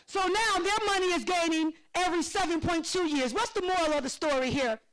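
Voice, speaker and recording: A woman presenting a financial literacy workshop, lively and excitable, laughing often and calling on audience members by name. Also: extremely high pitch, fairly quick, low-quality recording. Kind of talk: interactive workshop teaching.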